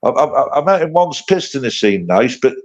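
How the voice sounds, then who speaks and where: A man's voice: medium pitch, big pitch swings, normal speed. Sweary man in his fifties, lo-fi. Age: 50s. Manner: blunt and sweary, rambling banter. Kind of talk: casual livestream chat. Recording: dull lo-fi stream audio.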